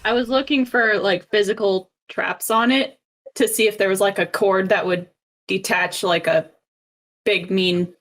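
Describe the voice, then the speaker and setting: A woman's voice: mid-range voice, fairly even intonation, unhurried, fairly bright tone. A woman playing a tabletop game, talking casually and peppering her sentences with "like". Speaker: player.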